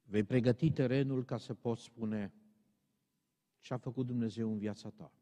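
Male preacher, sermon delivery, warm dark tone, emphatic and exhorting, long hall reverb. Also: mid-range voice, steady tone. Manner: emphatic, rising to stern exhortation.

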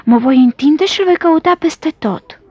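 A woman's voice: high-pitched, no room sound, highs cut off, pitched above the performer's own voice. A woman voicing an eager, helpful vine in a storybook. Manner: eager, excited.

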